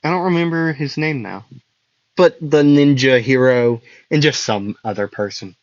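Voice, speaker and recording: A man's voice: medium pitch, moderate pace, no room sound. A young man improvising a fan-fiction story, rambling with many fillers and self-corrections. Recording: dull lo-fi dry recording.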